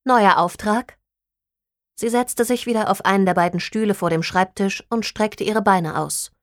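A woman narrating an audiobook chapter in an even, clear storytelling manner on a close microphone. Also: medium pitch, normal speed, no echo. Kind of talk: scripted narration.

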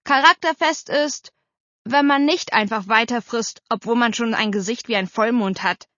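A woman's voice: mid-range voice, normal speed, fairly bright tone, dry recording, natural voice. A woman voicing a cheeky, eager young boy who teases and daydreams aloud, in a storybook reading. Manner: teasing, eager. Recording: slightly dull dry recording.

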